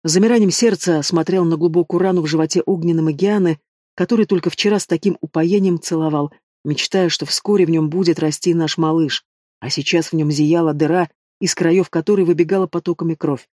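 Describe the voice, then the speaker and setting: A man narrating a fantasy novel in the first person, steady and dramatic. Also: a little high, a little fast, no echo, clean studio sound. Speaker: audiobook narrator.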